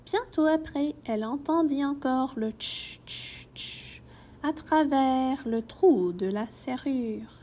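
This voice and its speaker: A woman reading a children's storybook aloud in a gentle, expressive way. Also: sits high, slow pace, hardly any pauses.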